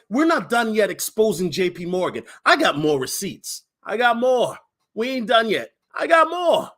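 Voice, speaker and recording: A man with a high-pitched voice delivers exposé commentary straight to his viewers. He is emphatic and slangy, doubling back on phrases to drive them home. A sarcastic, mocking edge runs through his delivery. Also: fairly bright tone. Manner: emphatic, slangy, repeats himself. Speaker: crypto video host.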